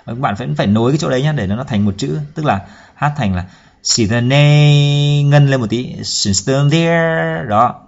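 A man teaching a song lesson, explaining each line slowly, then singing it slowly himself. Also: mid-range voice, darkish tone. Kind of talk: spoken lesson with sung demonstrations. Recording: dull lo-fi recording.

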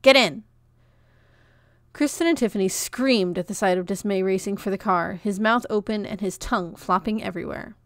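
A woman narrating a children's novel in a clear, expressive read-aloud. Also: mid-range voice, fairly quick, few pauses, dry recording, clean studio sound.

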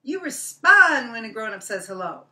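A woman storyteller voicing a hot-tempered male rabbit in a folktale, shrill and scolding, heard from a distant mic. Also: unhurried, bright, forceful tone, roomy sound, exaggerated voice. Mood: furious.

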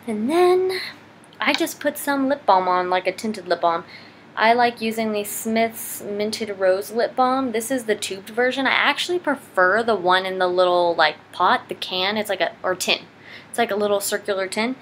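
A woman's voice: mid-range voice, moderate pace. A young woman giving a casual makeup tutorial in an informal, rambling, self-deprecating way, chatting as she works. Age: young adult. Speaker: beauty vlogger. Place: indoors, living room at home. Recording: noisy home camera recording.

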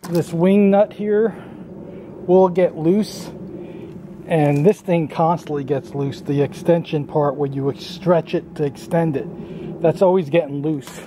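A man's voice: fairly high pitch, steady tone, a little slow, noisy background. A man giving a casual, rambling tool review outdoors in a yard, talking plainly about how it works.

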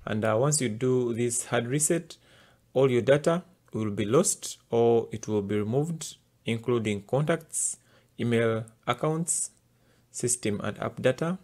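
A man's voice: medium pitch, measured pace, a little mellow. Man narrating a phone how-to. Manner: plain instructive, many "uh" fillers and "go ahead". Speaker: tech tutorial host. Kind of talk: step-by-step tutorial narration. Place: desk indoors, hands-only camera.

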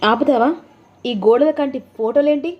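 A woman's voice: sits high, moderate pace, dull audio, natural voice. A woman voicing a stern, impatient young husband who speaks in curt, demanding questions.

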